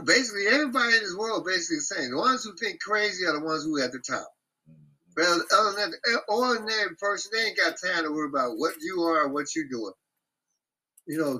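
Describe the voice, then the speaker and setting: A man hosting a casual group talk, speaking bluntly and profanely in an animated rant. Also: high-pitched, husky, low-quality recording.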